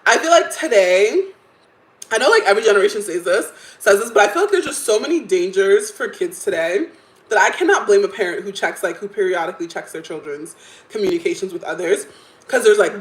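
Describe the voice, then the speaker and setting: A woman's voice: medium pitch, reverberant, poor audio. A woman in her thirties hosting a livestream, chatting casually and giving strong opinions with frequent laughs. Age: 30s. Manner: chatty, opinionated, laughs often, many "like" fillers. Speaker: livestream host. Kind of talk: casual chat reacting to stories and chat comments.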